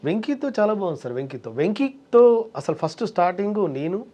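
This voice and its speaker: A man's voice: high voice, big pitch swings, brisk, warm tone. A man, a comedian and mimic, talking in a casual interview and acting out quoted voices as he tells stories.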